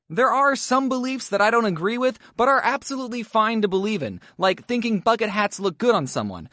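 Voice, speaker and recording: A man's voice: high-pitched, fairly bright tone, dry recording. A man narrating a scripted comedic video essay as host, over-enunciating his words with sarcastic, dry jokes.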